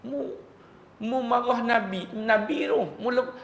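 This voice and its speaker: A man's voice: very high voice, steady tone, voice pushed up, full character voice. A man voicing an incredulous male companion who scolds a woman, with a Malaysian accent. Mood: scolding. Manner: rapid reproachful chiding. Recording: reverberant hall over loudspeakers.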